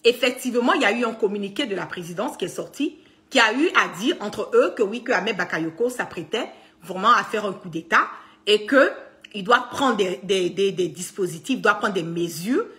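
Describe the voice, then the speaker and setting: A woman's voice: mid-range voice, expressive, normal speed, bright, forceful tone. A woman talking casually to her followers in a video, emphatic and insistent, often stopping to restart and filling gaps with small filler words. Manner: heavy use of fillers and restarts. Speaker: online political commentator.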